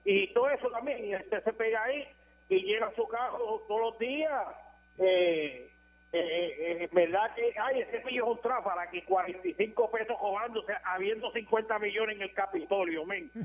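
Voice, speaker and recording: A man's voice: high voice, normal speed, husky. A man with a Puerto Rican accent calling in to a radio show, ranting insistently about his opinions. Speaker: radio caller. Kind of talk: phone-in opinion. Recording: tinny phone line.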